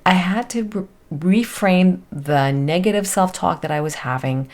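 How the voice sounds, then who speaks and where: A woman with a fairly low, darkish voice hosts a motivational self-help podcast at an unhurried pace. Like a self-help influencer and life coach, she talks in an encouraging, earnest, conversational way.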